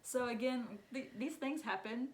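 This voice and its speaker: A woman's voice: a little high, a little slow, a crowd in the background, poor audio. Upbeat woman co-hosting a chat. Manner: upbeat, laughs often, quotes others in bright voices. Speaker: podcast co-host. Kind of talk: casual chat.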